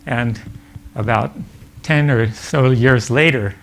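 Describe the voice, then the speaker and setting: An older man giving a physics lecture at a summer school, halting and full of fillers and restarts. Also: medium pitch, slight background noise. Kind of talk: academic lecture. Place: lecture hall.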